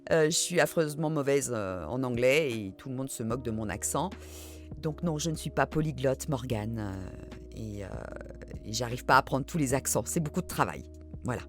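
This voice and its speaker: With a bass voice and lively intonation at normal speed, a middle-aged woman chats casually on her reading channel, answering viewers. She pokes fun at herself and leans on many hesitant fillers, while faint music runs in the background.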